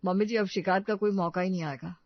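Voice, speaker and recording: A pleading young husband in a cartoon story, as a woman puts him on, soft-spoken and forever coaxing. The voice sits mid-range and the take is dry and dull. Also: mid-range voice, fairly even intonation, quick pace, no echo, natural voice. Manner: coaxing, placating tone.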